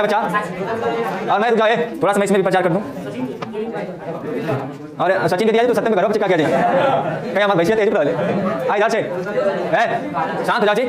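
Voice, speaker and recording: A male teacher, quizzing pupils and hushing a noisy classroom. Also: high-pitched. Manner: quizzing pupils with call-and-response questions. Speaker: coaching teacher. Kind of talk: classroom lecture. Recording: echoey classroom with chattering kids.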